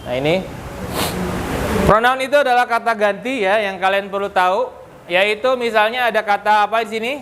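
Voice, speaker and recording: A man's voice: high voice, normal speed. A man teaching English vocabulary to a class, joking and quizzing the students. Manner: joking, asks the class questions. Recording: noisy classroom recording.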